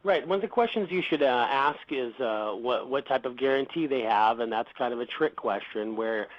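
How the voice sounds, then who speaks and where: Male business owner, mid-pitched, hesitant talker; dull, lo-fi recording. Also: normal speed. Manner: hesitant, many fillers and restarts. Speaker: reputation management company founder. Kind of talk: interview answers. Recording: dull lo-fi audio.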